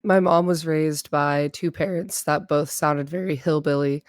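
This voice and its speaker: A woman chatting casually on a podcast, telling animated stories and acting out the people she quotes. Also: low-pitched, unhurried, no room sound, clean studio sound. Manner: animated storyteller, acts out quotes, laughs often. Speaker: podcast co-host. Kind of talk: casual chat.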